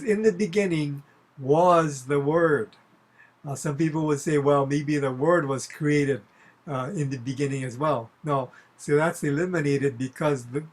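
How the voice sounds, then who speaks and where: Bible teacher, breathy tone, patient, restarts phrases. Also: male voice, a little high. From Hawaii. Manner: patient explaining with frequent restarts. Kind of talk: verse-by-verse Bible study.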